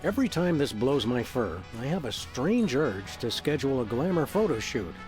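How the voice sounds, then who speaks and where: An actor voicing a deadpan dog detective in a video game, delivering dry quips. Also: male voice, medium pitch, moderate pace, soft background music, lightly acted.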